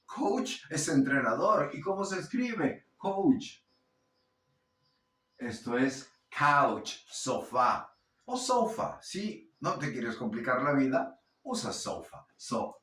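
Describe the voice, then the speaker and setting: A man teaching English pronunciation in a lesson, drawing out example sentences slowly between explanations. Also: mid-range voice, pushed and bright, echoey room, distant mic. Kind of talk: language lesson.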